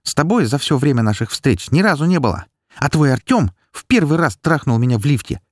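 Man doing a scorned young woman, harsh and raised in pitch, husky edge, audiobook. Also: sing-song, brisk, no echo, clean studio sound. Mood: venomous, mocking. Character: bitter angry young woman, scorned girlfriend. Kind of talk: audiobook dialogue.

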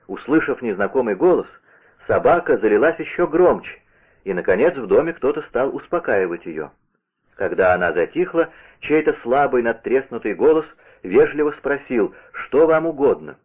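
A man reading a historical adventure novel aloud in a measured way, with a husky voice. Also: mid-range voice, expressive. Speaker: audiobook reader. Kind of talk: scripted literary narration. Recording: tinny narrow-band old radio recording.

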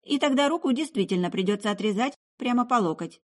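A woman reader voicing a polite, calm young woman who mends souls, speaking in a gently teasing, courteous way. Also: a little high, fast, pitched above the performer's own voice.

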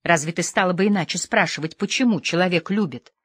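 A woman voicing a tormented, opium-addicted lady who pleads feverishly, dropping to soft murmurs and rising into sudden outbursts. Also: fairly low pitch, quick pace, breathy edge, no echo. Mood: reproachful.

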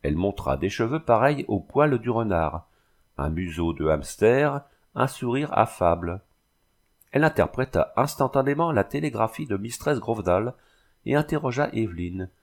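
Male narrator, lowish pitch, measured literary storytelling. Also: very animated. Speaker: audiobook narrator. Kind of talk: scripted narration.

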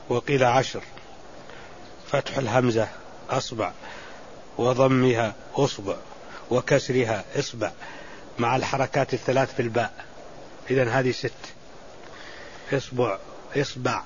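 A man teaching as a sheikh, giving a classical religious lesson and explaining slowly with repeated words and restarts. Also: medium pitch. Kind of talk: classical Islamic lesson commentary. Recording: muffled lo-fi recording with faint hiss.

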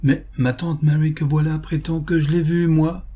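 A man reading a witty young gentleman. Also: fairly high pitch, little pitch movement, moderate pace, breathy edge, voice pushed up. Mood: playful. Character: young Englishman, witty and teasing.

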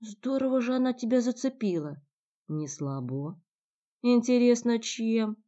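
Woman voicing spiteful young man, sneering, mocking, mellow tone, dull lo-fi audio. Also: a little high, lively intonation, a little slow, pitched above the performer's own voice. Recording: dull lo-fi recording.

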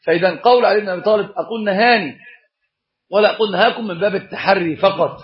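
A man teaches a religious lesson at a brisk clip, his voice sitting high for a man. He keeps the class engaged by posing questions and answering them himself. The recording sounds dull and lo-fi. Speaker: Islamic scholar teaching a course.

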